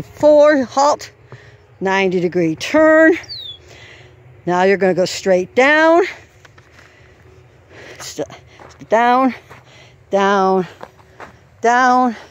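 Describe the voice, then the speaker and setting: A woman walking an outdoor farm trail course, calling out steps and the trot rhythm as she explains each obstacle. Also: mid-range voice. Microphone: handheld camera while walking. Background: faint outdoor farm ambience.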